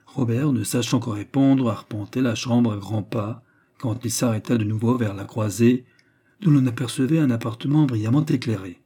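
A man narrating a classic story in a steady, measured reading. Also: medium pitch, slightly rough. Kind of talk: audiobook narration.

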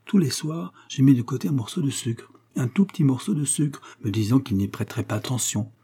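A man voicing a kindly, flustered female housemaid in a read-aloud story, his voice pushed higher as she confides in quick, breathless chatter. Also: mellow, slightly rough. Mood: flustered confiding.

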